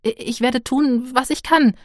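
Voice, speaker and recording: A woman's voice: mid-range voice, expressive, a little slow, no room sound, clean studio sound, close to an everyday voice. A woman voicing a nervous young female witch in an audiobook, speaking hesitantly with stammers.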